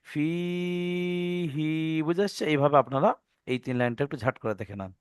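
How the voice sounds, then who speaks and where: Male reading teacher, online class; patient, spells everything out, stretches recited words. Smooth, clear voice, dry sound. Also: mid-range voice, no echo. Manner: patient, spells out letters and vowel marks step by step; draws out recited words slowly.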